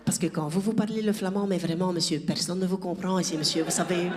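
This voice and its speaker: A man's voice: high voice, fairly even intonation, fast talker, darkish tone, close to an everyday voice. A man voicing a stern Flemish schoolteacher who scolds a parent politely but firmly. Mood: scolding.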